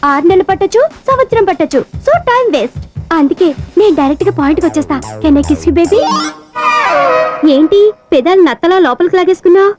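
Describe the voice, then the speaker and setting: A woman's voice: extremely high pitch, expressive, a little fast, over loud music. An actress playing a bold young woman who teases a shy date and pushes for a kiss in a film comedy. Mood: teasing. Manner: bold, teasing. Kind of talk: film romantic comedy scene.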